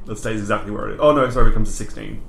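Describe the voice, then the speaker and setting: A man's voice: lowish voice, racing, gravelly, a bit bright. A man chatting casually as a player in a tabletop game. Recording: roomy, faint background noise.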